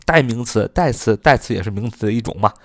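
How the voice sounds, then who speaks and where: A man's voice: lowish voice, expressive, no room sound, studio quality. Man teaching English grammar, rhetorical questions. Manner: asks rhetorical questions and answers them, spells words letter by letter; slow, careful English example sentences. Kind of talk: grammar lesson explaining English in Chinese.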